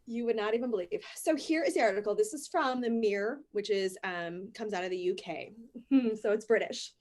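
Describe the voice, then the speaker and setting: A woman's voice: mid-range voice, fairly quick, a little mellow. A woman co-hosting a casual podcast, reading a news story aloud and ranting playfully. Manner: playful, ranting, laughs often. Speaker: podcast co-host.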